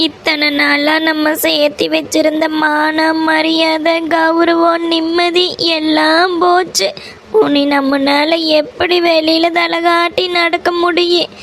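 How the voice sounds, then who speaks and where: A worried old village grandmother from a cartoon, voiced by a woman, speaking in a Kongu Tamil accent. Her voice sits very high and keeps to a narrow, flat pitch. She talks slowly, pleading and lamenting. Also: a little hiss or hum, full character voice. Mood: wailing. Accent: Kongu Tamil (Coimbatore). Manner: pleading, lamenting, repeats calls to her husband. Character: elderly village grandmother, anxious and wailing. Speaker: cartoon character voice. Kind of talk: village cartoon drama acting.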